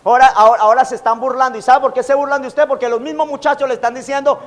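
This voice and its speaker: A man preaching a sermon as pastor, animated, acting out quoted taunts. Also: very high-pitched, rapid-fire. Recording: long hall reverb.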